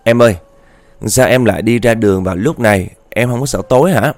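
A man's voice: medium pitch, fairly quick, close to an everyday voice. A man voicing a kind young woman student, coaxing and concerned as she asks questions.

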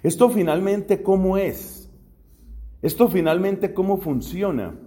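A man's voice: high-pitched, slow, warm tone. A man from Colombia, a Dominican friar, lecturing on philosophy in an emphatic way and repeating key questions to drive them home.

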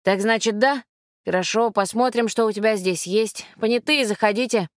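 A woman's voice: medium pitch, moderate pace, no room sound, close to an everyday voice. A woman voicing a tough male police detective who gives curt, mocking orders, recorded dry and close. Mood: stern.

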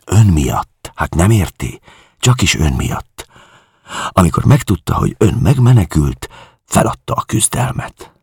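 A man's voice: low voice, sing-song, breathy edge, dry recording, clean studio sound, pitched above the performer's own voice, heavily acted. A man reading a grieving, haunted refugee. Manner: quiet, confessional, searching. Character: grieving middle-aged male refugee, haunted and desperate. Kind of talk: audiobook reading.

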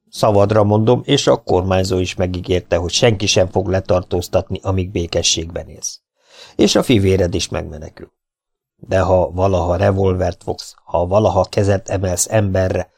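A man reading the lines of a calm, unshakable lawman in an audiobook, firm and deliberate. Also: low-pitched.

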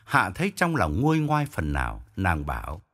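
A man narrating an audiobook story in an expressive way. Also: sits low, moderate pace. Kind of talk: scripted narration.

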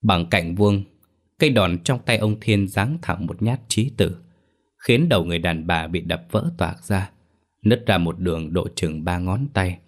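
Man, very low voice, horror story narration, measured and slow.

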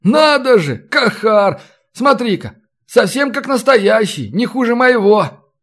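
A man voicing a boisterous, mocking brawler who haggles loudly over a captive. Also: very high-pitched, very animated, slow, voice pushed up, full character voice. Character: boisterous bargaining male brawler, Belarusian.

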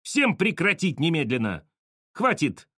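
Man voicing a fed-up young woman, bossy, scolding, lively swings, storybook style. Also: on the high side, a little slow, slightly rough, dry recording, clean studio sound, voice pushed up, exaggerated voice. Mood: exasperated. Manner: scolding, exclamatory. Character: exasperated young woman, sharp and commanding.

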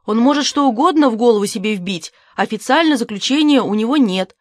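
A woman's voice: on the high side, brisk, no echo, studio quality, close to an everyday voice. A woman voicing a smug, sarcastic male lab doctor in an audiobook, with a mocking, self-assured manner.

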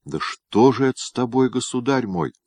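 A man's voice: lively intonation, moderate pace, a little mellow, dry recording, lightly acted. A man voicing an aggrieved noblewoman, a wife who pleads and then shrieks her defiance, in a dramatic reading of a historical novel. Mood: plaintive. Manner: pleading and shrill.

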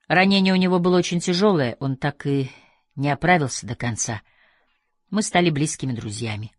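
A man's voice: on the high side, no room sound, lightly acted. A man reading as a guarded young woman. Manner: flat, even telling. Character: guarded young woman telling her past.

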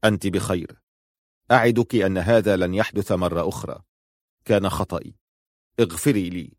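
A man's voice: deep voice, fairly even intonation, normal speed, no echo, clean studio sound. Man voicing a stern protective clan leader. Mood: gentle. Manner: firm, clipped orders softening to gentle reassurance. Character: stern protective male clan leader, commanding yet tender.

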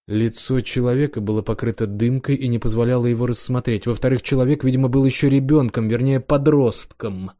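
A man reading a science fiction audiobook aloud in a steady, expressive narration. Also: mid-range voice.

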